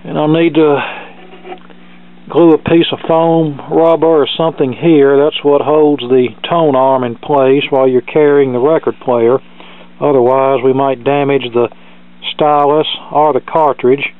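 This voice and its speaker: A man with a smooth voice on the high side speaks a little slowly and fairly evenly as he demonstrates a repair. This hobbyist keeps it casual and matter-of-fact, with dry humor, in a cluttered electronics workshop. The camera-mic recording is dry but muffled and narrow, like a phone.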